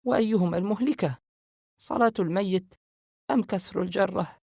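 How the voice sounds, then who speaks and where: A grave older sister who lays out warnings in solemn, measured phrases, voiced by a man reading an audiobook. Her voice is lifted above his usual pitch. The read is dry and close. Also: darkish tone, dry recording.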